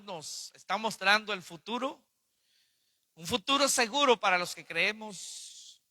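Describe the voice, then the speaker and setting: A man preaching and praying, fervent, swinging from loud pleas to near-whispers. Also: high voice, no echo. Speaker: pastor teaching a Bible series. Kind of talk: sermon with prayer and altar call.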